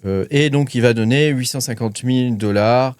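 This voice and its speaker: Guy rambling on his channel, tons of euh and hein, mid pitch, dry sound. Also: normal speed, darkish tone, clear, resonant tone, no room sound. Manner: rambling, many fillers and hesitations, reading notes. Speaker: crypto channel host. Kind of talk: casual commentary to camera.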